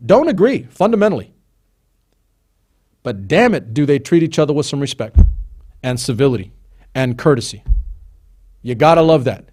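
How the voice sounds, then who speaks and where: A man hosting a casual live stream at a mid-range pitch. He talks in a chatty, digressive way, reading through a list and breaking off into asides. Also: big pitch swings, moderate pace, long pauses, darkish tone. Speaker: host.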